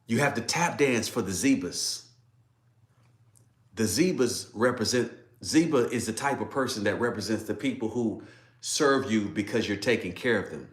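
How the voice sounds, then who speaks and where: A man with a low voice delivers a devotional sermon, acting out scripture dialogue. He gets emotional and keeps repeating exclamations. The room around him is echoey. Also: expressive, normal speed. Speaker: preacher. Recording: roomy echo.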